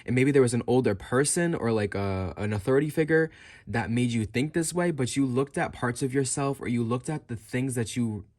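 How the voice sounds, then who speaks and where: Guy doing a fortune teller card reading, kinda husky voice, keeps repeating and rewording stuff as he feels it out. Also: medium pitch, darkish tone. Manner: halting, repeats and rephrases phrases in a musing, intuitive way. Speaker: tarot card reader.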